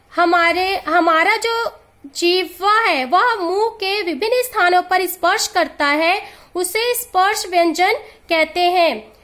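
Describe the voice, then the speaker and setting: A woman teacher explaining grammar in a slow, deliberate lesson, drawing out each letter as she lists it. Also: very high voice, a bit bright.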